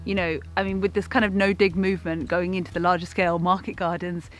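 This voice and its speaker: Young woman, farm vlogger, relaxed, filler-heavy, camera at arm's length, faint music. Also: lowish voice, quick pace. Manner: relaxed, thoughtful, many fillers. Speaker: farmer and vlog host. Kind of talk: casual farm vlog. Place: outdoors on a farm and in a goat shed.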